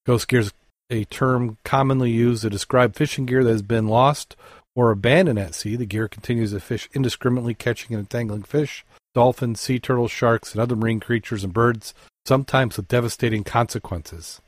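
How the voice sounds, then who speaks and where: A man co-hosting a podcast, reading dive news articles aloud and chatting, halting with fillers and self-corrections. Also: medium pitch, steady tone, no room sound. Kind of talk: casual news reading and chat.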